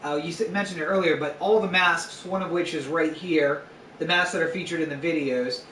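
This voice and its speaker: A man's voice: a little high, steady tone, a little fast, a bit bright. A man hosting a casual podcast at home, chatting and playfully arguing his points. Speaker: podcast host. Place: home room. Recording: roomy sound, distant mic, faint noise.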